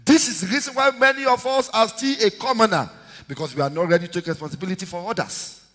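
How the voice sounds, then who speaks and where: A man in his fifties, a senior pastor preaching a sermon with shouted call-and-response to his congregation. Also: high voice, quick pace. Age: 50s. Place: church hall. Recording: echoey church hall reverb.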